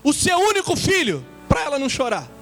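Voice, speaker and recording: A man delivers a sermon in a strikingly high voice, throwing questions out to the congregation with dramatic flair. Music plays clearly beneath him. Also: huge pitch swings, fairly quick. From Brazil. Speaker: guest preacher. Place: church.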